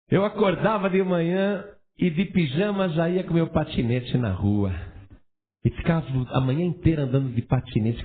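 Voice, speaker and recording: A man preaching a sermon as a pastor, animated and asking his congregation rhetorical questions. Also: fairly high pitch, slightly rough. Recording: tinny phone-like sound.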